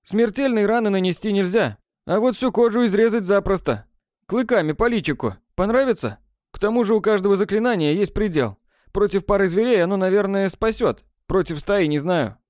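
A man reading an audiobook, voicing a sardonic, know-it-all teenage schoolboy mage who explains things briskly. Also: sits high, animated, darkish tone, no echo, clean studio sound, voice pushed up. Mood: grim.

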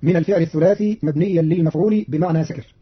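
A man explains recitation readings at a rapid, formal clip. His voice sits a little high and sounds slightly husky. The sound is dull and lo-fi, like an old radio broadcast. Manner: fast, formal, didactic delivery. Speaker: radio presenter.

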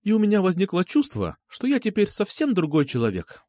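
A man's voice: high voice, fairly quick, dry recording, studio quality, pitched above the performer's own voice, full character voice. A man reading an audiobook, voicing a playful, teasing young woman in a raised, light voice. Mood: earnest. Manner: teasing, lively. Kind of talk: audiobook character voice.

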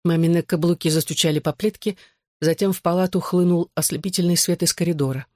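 An audiobook narrator reads a first-person story in an even, plain way. The voice sits in a middle range. The recording is close and dry. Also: mid-range voice, fast talker, dry recording.

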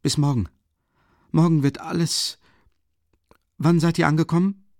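A man's voice: medium pitch, animated, darkish tone, no room sound, studio quality, voice pushed up, natural voice. Feverish, irritable young man, as a reader puts him on. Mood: irritable strained. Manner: halting, strained. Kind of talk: audiobook reading.

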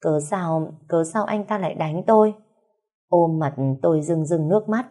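Woman narrator, plaintive first-person story, low mellow voice. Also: normal speed. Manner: emotional, wronged, plaintive.

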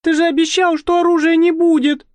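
A man voicing a frightened young woman conspirator who bursts out in high, panicky cries, in a dry audiobook recording. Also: expressive, normal speed, darkish tone, no room sound. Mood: panicked. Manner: panicky, high-strung outbursts. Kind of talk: audiobook character voice.

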